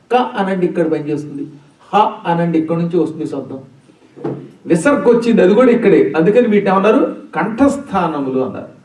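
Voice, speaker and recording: An older man with a Telugu accent delivers a religious discourse in a teacherly way, posing questions and then answering them himself. His voice is high-pitched yet mellow. He is recorded from a distance in an echoing hall. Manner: teacherly, demonstrates sounds, asks and answers his own questions.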